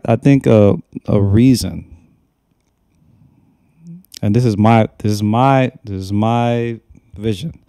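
A man's voice: on the low side, dark tone, dry recording, clean studio sound. A young man hosting a reaction video, talking in a casual, mocking and exasperated way and repeating himself as he scolds, recorded at a desk microphone in a small room at home. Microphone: desk microphone on a stand.

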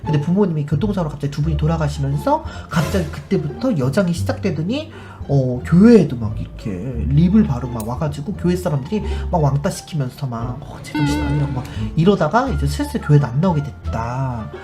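A woman's voice: sits low, sing-song, a little fast, hardly any pauses. A woman hosting a live stream, chatting casually as she tells a story and acts out the people in it. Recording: music under the voice. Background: background music.

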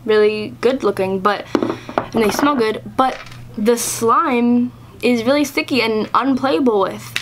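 A woman's voice: a little high, unhurried, background noise. A young woman casually reviewing products in a vlog, chatty and exasperated, with lots of filler words. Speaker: YouTuber.

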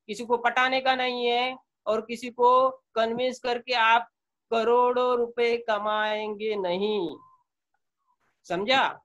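A middle-aged man giving an informal sales training talk, telling a story in a calm, conversational way, often repeating himself and dropping in English phrases. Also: very high voice, highs cut off. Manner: calm, repeats words, many filler sounds.

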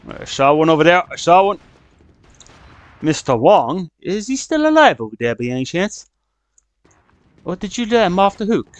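A man with a headset, excitedly commentating his own shooter gameplay, swearing and shouting at the game. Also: high voice, moderate pace, pauses often. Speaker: gaming channel host.

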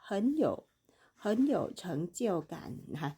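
A woman gives a bilingual lesson in Chinese, reading both sides of a short dialogue and breaking the words down. Her voice is mellow and warm, and her pitch sits in the middle. She talks patiently and repeats each word so learners can follow. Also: very animated, moderate pace, slightly rough. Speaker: Chinese language teacher.

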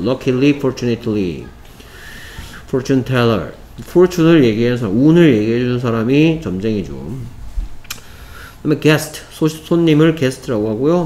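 A man's voice: medium pitch, a little mellow, a little hiss or hum. A man teaching English vocabulary to middle school students, explaining step by step and repeating key words. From South Korea. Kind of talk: vocabulary lesson.

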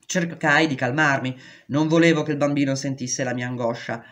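A woman reading a memoir aloud in a steady, measured voice. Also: very deep voice. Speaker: reader.

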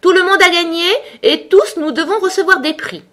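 A woman's voice: very high voice, normal speed, a bit bright, voice pushed up. A woman voicing a solemn, long-winded dodo bird in a storybook reading. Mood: proclaiming. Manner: solemn, wordy.

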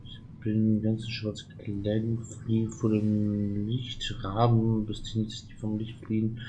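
A man doing casual let's play commentary, reading game text aloud and thinking out loud. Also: fairly low pitch, monotone, slow, slight background noise, low-quality recording. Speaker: let's player, channel host.

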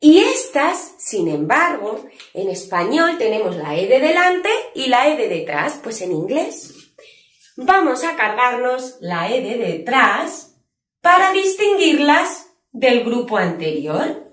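Lively woman teaching slowly. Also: a little high, reverberant. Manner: lively, clear and patient, drawing out letter sounds to show them. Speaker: English teacher. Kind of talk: spoken lesson for Spanish speakers.

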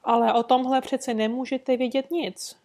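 A woman's voice: high-pitched, level tone, darkish tone, pitched above the performer's own voice, close to an everyday voice. A woman reading an audiobook, voicing a timid, frightened little rat-faced man who pleads in a trembling voice.

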